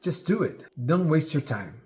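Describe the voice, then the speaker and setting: On the high side, very animated and a little mellow, this man's voice carries a Portuguese accent. A Brazilian musician in his forties, he speaks earnestly and reflectively straight to camera from his living room indoors, framed head-and-shoulders, pausing with fillers in this vlog.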